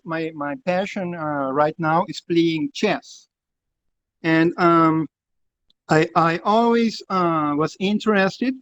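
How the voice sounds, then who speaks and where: A man living in Curacao, introducing himself on a video call, slow and hesitant with many pauses. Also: a little high, dry recording. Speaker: club member. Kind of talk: casual chat on video call. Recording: dull lo-fi call audio.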